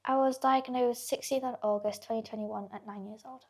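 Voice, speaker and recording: A woman's voice: fairly high pitch, fairly even intonation, a little fast, darkish tone. A teenage girl, a guest telling her stories in casual chat and acting out what people said. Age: teens. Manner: chatty storyteller, acts out quotes, laughs often.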